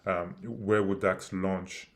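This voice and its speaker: A man hosting a live stream about his crypto project speaks haltingly, with many fillers and restarts, and he's losing his voice a little. His voice is deep, with fairly even intonation.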